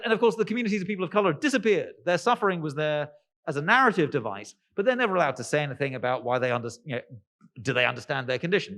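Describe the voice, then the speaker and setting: A male author answering interview questions in a posh-sounding voice, halting with lots of fillers and restarts, with wry, sardonic asides. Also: on the high side, a bit bright. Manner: self-described posh-sounding voice.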